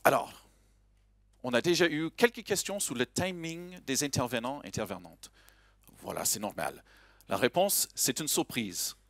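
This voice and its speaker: A man's voice: medium pitch, unhurried, no room sound. A man with a slight foreign accent, opening a conference live as emcee and joking with the audience. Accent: a slight foreign accent in French. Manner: lively, joking, chatty with the audience. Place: conference hall stage.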